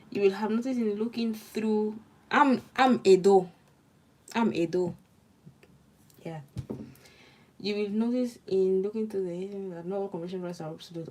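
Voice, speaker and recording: Chatting with viewers on a relaxed study stream, this young adult law student from Nigeria also murmurs through her notes in a Nigerian accent. She has a medium-pitched, slightly mellow voice.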